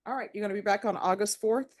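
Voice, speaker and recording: Woman judge, firm and measured, lecturing from the bench. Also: medium pitch. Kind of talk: courtroom proceedings. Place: courtroom.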